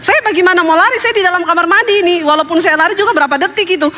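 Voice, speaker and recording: A woman's voice: very high-pitched, racing, pushed and bright, a little hiss or hum. A woman pastor telling stories in a sermon, chatty and humorous, laughing at her own jokes. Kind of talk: storytelling sermon. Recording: long hall reverb.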